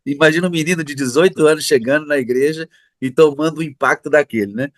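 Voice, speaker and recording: A man's voice: on the high side, fast talker, dry recording. Brief: middle-aged Brazilian man, church interviewer, effusive, dry close sound.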